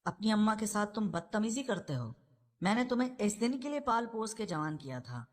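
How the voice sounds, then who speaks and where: A widowed middle-aged mother in a read-aloud novel answers sharply and defensively, as a woman narrator puts her on. Her voice stays close to the reader's own, with a mid pitch for a woman. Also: sing-song.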